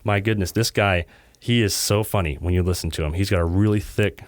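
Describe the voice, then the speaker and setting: A man's voice: low voice, a little fast, no echo. A man co-hosting a podcast, retelling a story casually and raising his voice to quote radio calls. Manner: animated retelling, quoting radio calls in raised voice. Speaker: podcast co-host.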